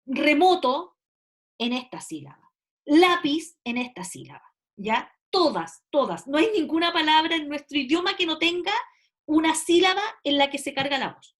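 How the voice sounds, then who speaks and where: A woman's voice: high voice, animated, moderate pace, fairly bright tone. A woman teacher explaining grammar to a class step by step, often checking understanding. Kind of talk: classroom lecture.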